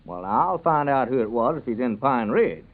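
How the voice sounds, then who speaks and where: An actor playing an earnest, plain-spoken small-town neighbour with a rural Southern American accent in an old radio comedy serial. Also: male voice, medium pitch, expressive, normal speed, lightly acted. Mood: indignant, insistent. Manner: folksy, earnest. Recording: narrow, tinny vintage radio recording.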